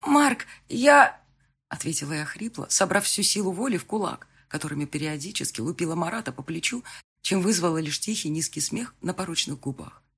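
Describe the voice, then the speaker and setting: Husky-voiced woman narrating expressively. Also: fast. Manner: expressive, jumps to high shouted lines in dialogue. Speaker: audiobook narrator. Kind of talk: first-person romance audiobook narration.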